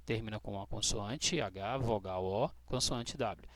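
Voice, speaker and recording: A Brazilian man teaching English grammar to students, patient and checking in often with short questions, spelling out letters slowly. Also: lowish voice, crowd noise. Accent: Brazilian Portuguese. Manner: spells out letters slowly, stressing key words. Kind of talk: explaining grammar rules to students.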